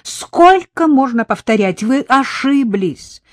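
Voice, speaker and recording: The audiobook reader voicing a flustered middle-aged balding man who protests in a high, indignant voice. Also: expressive, takes it slowly, dry recording, clean studio sound.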